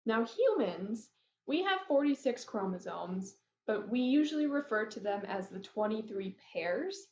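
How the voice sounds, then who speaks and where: Chatty woman lecturer, fairly high voice, walking through slides; dull, echoey recording. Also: unhurried, a little hiss or hum. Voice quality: flat, robotic-sounding delivery. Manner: casual, chatty, apologetic asides. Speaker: teacher. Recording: roomy, dull lo-fi mic.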